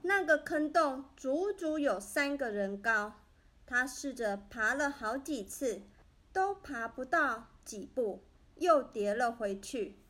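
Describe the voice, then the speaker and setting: A woman narrating a children's story in a gentle, expressive way. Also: high-pitched, slow pace.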